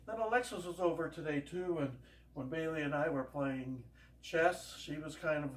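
An older man, a home cooking vlogger, talks at a moderate pace in a fairly high voice while cooking at home and telling rambling homespun stories. The casual cooking demonstration is captured by a camera across the kitchen, leaving an echoey, distant sound.

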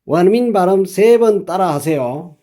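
A man teaching English phrases in a lesson, explaining deliberately and repeating each phrase slowly for learners to copy. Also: high-pitched, lively intonation, warm tone.

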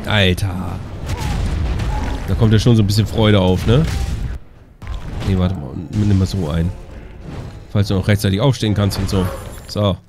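A man's voice: deep voice, steady tone, normal speed, pauses often. A man giving casual gameplay commentary as a let's play host, chatty and sarcastic as he mutters at his teammates. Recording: game music loud behind voice.

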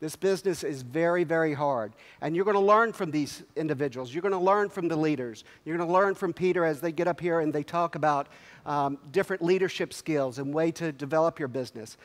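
A middle-aged company executive gives a motivational keynote from a large convention hall stage, his higher-pitched voice carried by a headset mic. He's energetic, firing quick, punchy questions at the crowd, and the recording has a long, big-hall echo.

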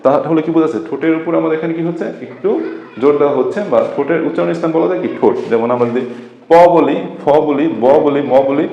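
A man's voice: a little high, quick pace, vocal fry, slight background noise. A man teaching a class-style lesson, who keeps asking rhetorical questions, answers them himself and repeats the key terms. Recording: echoey room, dull lo-fi sound.

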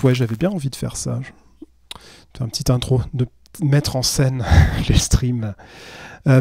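A man who streams live, reading a literary text aloud in a measured way and then chatting casually with viewers, with many fillers. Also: medium pitch, darkish tone, no echo, clean studio sound. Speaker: streamer and reader.

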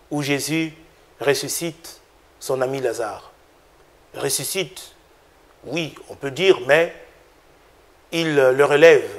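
A male preacher reading scripture and then explaining it in a homily, deliberate and careful, sometimes restarting words. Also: fairly high pitch. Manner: deliberate, with restarts and filler sounds.

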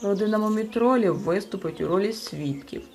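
A woman's voice: medium pitch, fairly quick, a little mellow, a little hiss or hum, natural voice. A woman voicing a stern, self-important male storybook creature who acts as a judge, speaking in a clipped, officious way.

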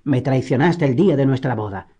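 A man's voice: mid-range voice, moderate pace, dark tone, lightly acted. A man voicing a fierce, proud young noblewoman in an audiobook, speaking indignantly with a raised voice. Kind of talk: audiobook character reading.

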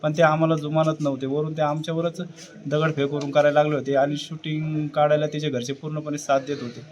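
A man's voice: on the high side, level tone, quick pace, a little hiss or hum. Agitated man pleading for action. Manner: agitated, pleading, hesitant with fillers. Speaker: witness speaking to reporter. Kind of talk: emotional street interview statement.

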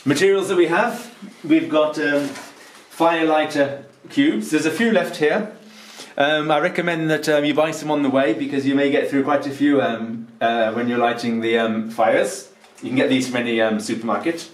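A man in his fifties who hosts a holiday rental gives an instructional tutorial in a stone-walled kitchen, filmed on a handheld camera. His voice is on the high side, with fairly even intonation and normal speed, and he patiently explains the task step by step with frequent ums.

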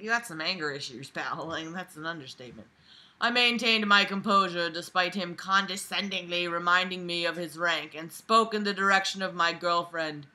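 On a low-quality recording, a woman in her twenties reads aloud at a moderate pace in a lowish, bright, forceful voice. She's lying on a bed in a small bedroom and breaks off repeatedly for sarcastic, exasperated, profane asides that mock what she's reading.

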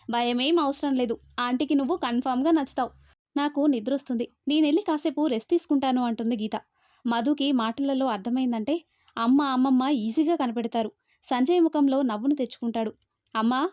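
A woman with a high voice narrates a story and reads every character's lines herself, barely changing her voice between them. The recording is dry and close, with a slightly dull, muffled tone. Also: no room sound. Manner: reads all characters in a near-plain voice. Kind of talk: scripted story narration with dialogue.

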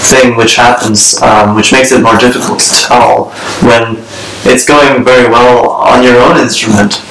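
A young man from Maryland, a pianist, speaking haltingly with many fillers. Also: mid-range voice, steady tone, a bit bright, echoey room, distant mic, slight background noise, poor audio. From Maryland, USA. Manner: halting, many "uh" and "you know". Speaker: pianist being interviewed. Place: bright room indoors.

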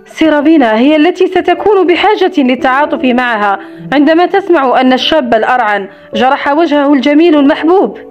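A woman's voice: high voice, lively intonation, fast talker. A woman voicing a tense, guarded young heroine in an audiobook romance, reading her lines expressively. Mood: sharp. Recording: slightly dull recording with soft music.

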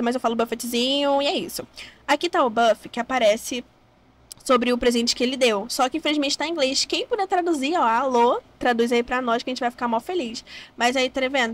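A Brazilian woman gushing excitedly as she shows off game mods, in casual gameplay commentary. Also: sits high. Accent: Brazilian Portuguese. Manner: gushing, excitable, says "gente" constantly. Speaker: gaming YouTuber.

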